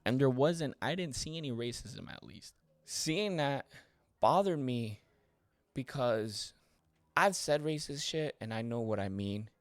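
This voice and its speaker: A man's voice: mid-range voice, a little slow, dry recording. Brief: male podcast host, casual storyteller, slangy and profane, mid-range voice, dry close sound. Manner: loose and animated, swearing, slangy asides, rising excitement on punchlines. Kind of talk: casual personal storytelling monologue.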